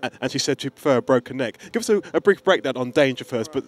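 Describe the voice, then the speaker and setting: A male interviewer asking casual questions in an excitable way, often stumbling over restarts. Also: mid-range voice, fast talker.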